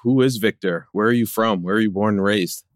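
Deep-voiced man hosting a podcast. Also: brisk, no room sound, clean studio sound. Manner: affirming, frequent "mm-hmm" and "right". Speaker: podcast host. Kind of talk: podcast interview.

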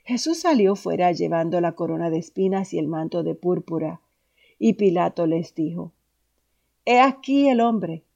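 A woman reading scripture aloud in a steady, solemn way. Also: fairly low pitch, moderate pace, gravelly, highs cut off. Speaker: scripture reader.

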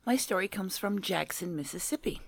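A woman's voice: medium pitch, brisk, vocal fry. A woman co-hosting a paranormal show, reading a news story aloud and chatting casually in between.

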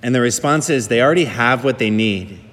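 A man's voice: medium pitch, brisk, a bit bright. Man preaching in a reverberant church. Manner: reflective, conversational, with hedging fillers. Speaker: priest. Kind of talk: Gospel reading and homily at Mass. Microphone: microphone that cut out.

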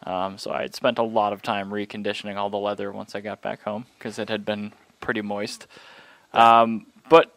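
A man co-hosting a podcast in casual chat, rambling and relaxed with plenty of fillers. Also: lowish voice, moderate pace, creaky, no echo. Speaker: podcast co-host.

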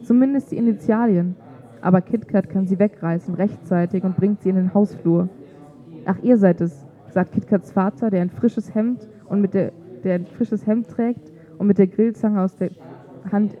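A woman reading a literary story aloud in a calm, measured way. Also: mid-range voice. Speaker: narrator. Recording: tinny phone-like sound.

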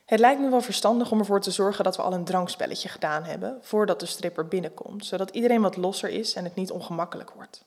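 Woman narrator, erotic audio story, calm reading, mid-pitched voice. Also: fast talker, few pauses.

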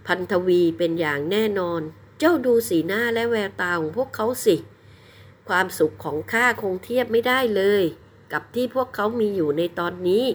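A woman voicing a kind, wealthy young lord in a folk tale, speaking calmly and slowly. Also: medium pitch, voice pushed up, lightly acted. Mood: gracious. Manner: calm, slow and gracious. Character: kind rich young lord, calm and generous.

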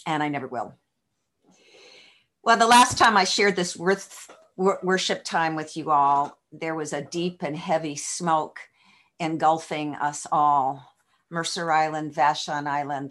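Woman preaching over a video call, low voice, unhurried, reflective, hesitant fillers. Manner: slow, reflective, with frequent fillers.

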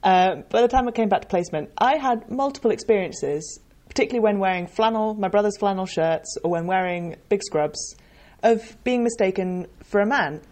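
Young woman, medium-pitched, chatting. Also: brisk, darkish tone. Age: young adult. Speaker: medical student on a podcast. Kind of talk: casual chat.

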